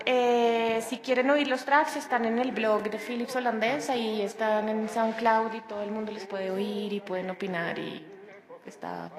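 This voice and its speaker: A woman's voice: fairly high pitch, steady tone, unhurried, echoey room. A woman chatting casually on a radio program about a sound project, with many restarts. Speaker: guest, sound project organizer.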